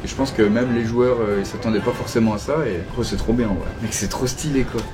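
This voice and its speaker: A young man hosting a casual gaming vlog, talking in an excited, slangy way as the team founder. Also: medium pitch, fast, over music. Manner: hyped, animated, French slang.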